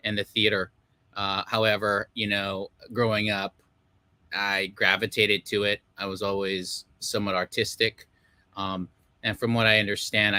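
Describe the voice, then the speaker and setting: A man's voice: on the low side, sharp tone, no room sound. A middle-aged man from Los Angeles, a film director talking casually as a guest over a video call, rambling with many fillers. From Los Angeles, United States. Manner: rambling, many fillers, self-deprecating laughs. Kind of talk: casual interview talk.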